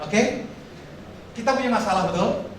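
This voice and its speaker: A man's voice: high-pitched, moderate pace. A man preaching a sermon, joking and questioning the congregation as their pastor. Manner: joking, asks the congregation questions, lively delivery. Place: church hall. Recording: echoey hall, heard from far off, noisy.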